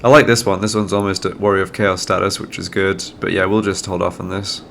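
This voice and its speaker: A man with a low, gravelly voice and little pitch movement talks briskly through his strategy game, explaining every move while background noise plays. He's a gaming channel host with a cold, so he sounds slightly nasal as he thinks out loud casually.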